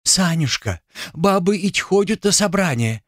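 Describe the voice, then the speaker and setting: A man's voice: high-pitched, expressive, a little slow, fairly bright tone, no room sound, studio quality, pitched above the performer's own voice, full character voice. A man voicing a timid peasant wife. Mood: pleading. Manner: pleading. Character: timid young peasant wife, pleading then defiant.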